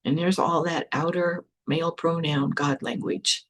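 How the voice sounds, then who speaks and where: Older woman, low and raspy, candid storyteller who speaks bluntly, as a spiritual podcast host. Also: steady tone, unhurried. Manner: frank and blunt, with casual swearing. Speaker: spiritual teacher hosting a podcast.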